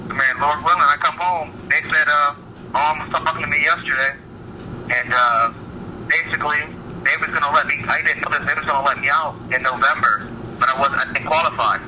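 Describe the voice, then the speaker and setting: A man's voice: on the high side, fairly even intonation, fairly quick, pushed and bright. A man phoning in from prison, heard over a speakerphone call, chatting casually with short, easygoing replies. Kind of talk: casual chat. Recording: noisy speakerphone call from afar.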